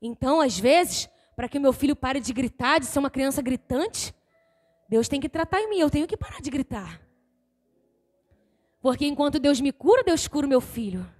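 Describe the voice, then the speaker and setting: Lady pastor preaching hard, super high voice, goes from yelling to soft. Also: expressive, normal speed, in a large hall. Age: adult with a young son. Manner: impassioned preaching, swings from shouting to soft. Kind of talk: sermon.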